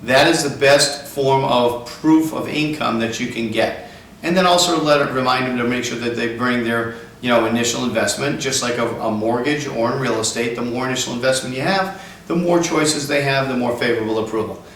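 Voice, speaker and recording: At a brisk pace, a man with a medium, somewhat bright voice coaches car salespeople, emphatically walking through each step. The room is echoey and the mic sits far away, picking up faint noise.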